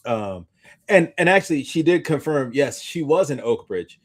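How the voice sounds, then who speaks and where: A podcast co-host, a man with a voice on the high side, chats casually at a moderate pace while recounting anecdotes. He's animated and rambling, stumbling over repeated false starts.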